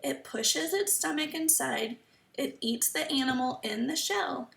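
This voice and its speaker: Female kids show host type for story time read-aloud, very creaky voice, slow delivery, teaching and questioning young listeners. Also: high-pitched, lively intonation, fairly bright tone. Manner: kids show host, addressing children with questions and simple explanations. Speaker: children's teacher reading a picture book aloud. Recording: roomy echo, slightly distant mic.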